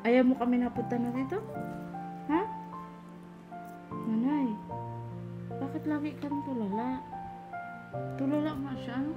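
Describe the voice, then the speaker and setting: A woman vlogger in casual chat, coaxing and repeating her questions loudly to an elderly woman. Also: high-pitched, measured pace, pauses often, dull audio, loud music behind the voice.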